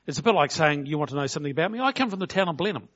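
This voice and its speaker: A middle-aged man delivers a relaxed, conversational sermon. His voice sits a touch high for a man, and he slows right down to stress his points and acts out each quote. The recording sounds dull and lo-fi. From New Zealand. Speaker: preacher.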